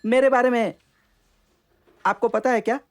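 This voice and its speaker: A man's voice: very high voice, fairly even intonation, unhurried, noisy background. A man voicing a boastful, cowardly government clerk in a dubbed action film, blustering and whiny. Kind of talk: Hindi film dubbing.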